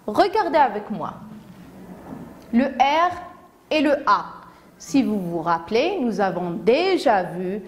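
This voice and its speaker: A woman teacher with a Moroccan accent giving a phonics lesson to young children, saying each word slowly, syllable by syllable. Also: fairly high pitch, very animated. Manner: slow, deliberate, syllable by syllable. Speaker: primary school teacher.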